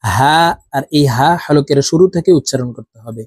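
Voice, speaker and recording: A man teaching Quran reading, chanting Arabic letters one by one in long drawn-out tones for viewers to repeat. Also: mid-range voice, darkish tone, slightly rough, no room sound, clean studio sound. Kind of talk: Arabic letter pronunciation lesson.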